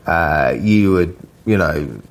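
A man's voice: low voice, takes it slowly, gravelly. A man, a chef, chatting casually in an interview with lots of fillers and tag questions. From Britain. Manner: relaxed, rambling, with frequent fillers and tag questions. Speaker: chef and cookbook author.

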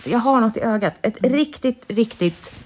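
Podcast co-host, woman, higher voice, lively storyteller who laughs a lot. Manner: animated storyteller, often breaks into laughter. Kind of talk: casual chat.

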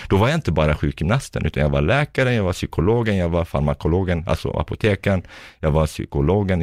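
A man's voice: low-pitched, darkish tone, dry recording, studio quality. A man, a physiotherapist, vividly recounting a tense experience as a guest, acting out what people said. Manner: vivid, intense retelling, acts out dialogue. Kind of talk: personal storytelling in a podcast.

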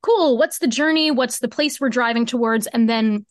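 Her voice sits on the high side and moves at a moderate pace, captured with clean studio sound and no echo. Appearing as a podcast guest, she explains creative work in a relaxed, conversational interview about craft, sprinkling in "like" and "cool."

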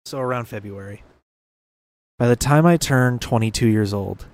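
A man's voice: mid-range voice, normal speed, darkish tone. A young man in his early twenties hosting a casual solo podcast, rambling and correcting himself, laughing at his own remarks. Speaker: podcast host.

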